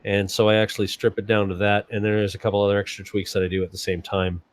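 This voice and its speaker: A man's voice: lowish voice, little pitch movement, fast, no room sound. A man hosting a casual livestream, joking and laughing often while he rambles about fixing his computer. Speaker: livestream host. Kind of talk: casual stream chat.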